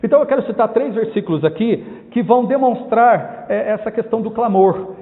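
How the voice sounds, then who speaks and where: Emphatic pastor, high voice, echoey hall. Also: male voice, brisk. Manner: emphatic, repeats key phrases, asks rhetorical questions. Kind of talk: expository sermon. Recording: tinny phone-like sound with long hall reverb.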